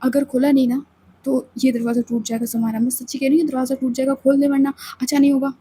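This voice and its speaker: A woman doing an impatient young woman, shrill and pushy. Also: flat delivery, fast talker, a little hiss or hum, natural voice. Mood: threatening. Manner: loud, pushy and demanding.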